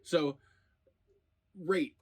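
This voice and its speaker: A man's voice: a little high, very slow. A man hosting a food review in casual chat, probing with playfully incredulous questions. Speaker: food review show host.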